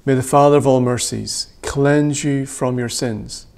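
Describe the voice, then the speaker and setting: A man in his thirties leading worship as a priest, reading prayers in a measured, solemn way in a small church room. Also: medium pitch, steady tone, vocal fry, a little mellow. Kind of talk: liturgical reading.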